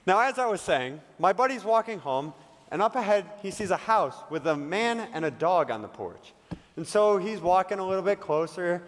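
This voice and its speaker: Emcee, male, playful joke-teller, high lively voice, reverberant hall on stage mic. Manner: playful, joking storyteller. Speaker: master of ceremonies. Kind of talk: live variety show hosting with a joke.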